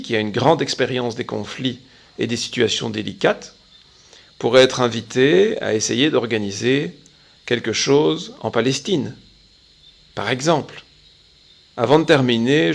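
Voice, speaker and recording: A man giving a measured, opinionated spoken commentary on current affairs, pausing often. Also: mid-range voice, creaky. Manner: measured, opinionated, with frequent pauses. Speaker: political commentator.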